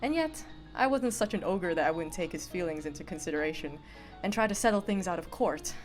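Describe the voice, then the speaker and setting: A woman streamer reading visual novel narration aloud in an expressive, playful way. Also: on the low side, fairly quick, faint music behind. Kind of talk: reading narration with casual asides.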